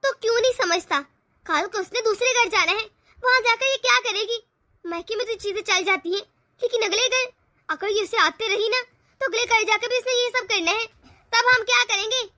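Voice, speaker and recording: Stubborn old mother-in-law, scolding, nagging, high bright voice, dry sound. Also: moderate pace, dry recording.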